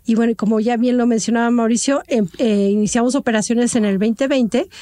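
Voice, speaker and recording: A woman's voice: on the high side, a little mellow, no room sound, clean studio sound. A woman answering interview questions, earnest and conversational, with many fillers. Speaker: guest, marketing director.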